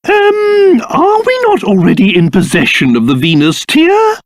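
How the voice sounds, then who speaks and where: A pompous little old monster king for a video game, with pitch that leaps and plunges wildly. He takes his time over his theatrical, old-fashioned phrases, blustering like a ruler used to being obeyed. The recording is dry and close. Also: wildly swooping pitch, measured pace, no echo, exaggerated voice. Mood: indignant, blustering. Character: cursed little monster king, elderly, pompous, excitable, doting father.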